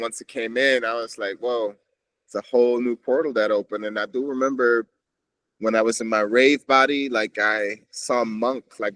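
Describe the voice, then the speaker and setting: A man from Switzerland whose first language is Swiss German reflects as a podcast guest in casual conversation, meandering and restarting often. His voice is mid-range and a bit bright, and the recording is rough.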